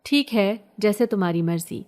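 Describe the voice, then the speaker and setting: A bossy middle-aged aunt, read by a woman narrator, brisk and scolding, speaking up a little. The voice is warm, a horror storybook relative. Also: medium pitch, lightly acted.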